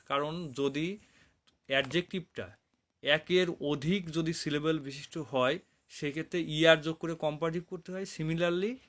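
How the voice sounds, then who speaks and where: A man from Bangladesh with a slightly high voice teaches English grammar in a college lecture over slides. He mixes Bengali with English terms and restates each point. He often corrects himself mid-sentence and slows down to read English definitions word by word. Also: a bit bright. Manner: explains in Bengali with English terms, repeats key phrases, frequent self-corrections; reads English definitions out slowly.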